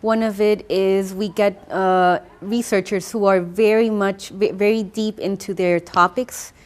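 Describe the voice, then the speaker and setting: A woman's voice: medium pitch, steady tone, unhurried. A young woman from Rica, speaking English in a thoughtful testimonial with frequent fillers and restarts. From Costa Rica. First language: Spanish. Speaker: master's graduate. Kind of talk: testimonial interview.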